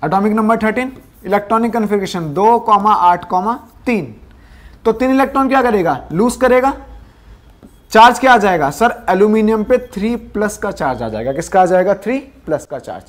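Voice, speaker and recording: During a classroom science lesson, a man talks fairly quickly with lively intonation. He asks rapid-fire quiz questions, answers them himself in a lower register, and repeats the important terms as a drill.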